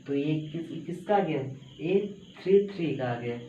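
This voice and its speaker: A man walks students through a math problem at a board, repeating each step and coaxing them along. His voice sits a little high but sounds mellow. The room is echoey, and the audio is a bit dull with faint background noise. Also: animated, measured pace. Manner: repetitive, coaxing, says "bhai" and "hai na" often. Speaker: math teacher. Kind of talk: chalkboard math lesson. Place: classroom with a small board.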